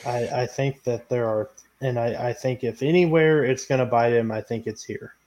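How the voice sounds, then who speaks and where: A man hosting a sports podcast, moderating the debate with frequent pauses and ums. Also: mid-range voice, steady tone, a little mellow. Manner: hesitant, lots of ums. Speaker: podcast host.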